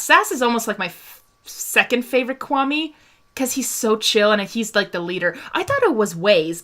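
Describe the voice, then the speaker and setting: Hosting an informal fan talk, a young woman from Hungary chats through her viewers' questions, laughing a lot and peppering her speech with fillers and restarts. Her voice is medium-pitched with a slight brightness.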